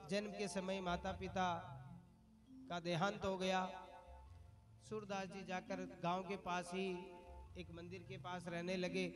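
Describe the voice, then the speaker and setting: A man preaching a devotional story sermon to a gathered audience, often putting questions to the listeners in a chatty storytelling way. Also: sits high. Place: religious gathering before an audience.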